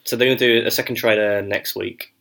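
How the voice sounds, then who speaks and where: Fast-talking man, swearing freely. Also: medium pitch, fairly even intonation, gravelly, a bit bright. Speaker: podcast co-host. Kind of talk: casual chat.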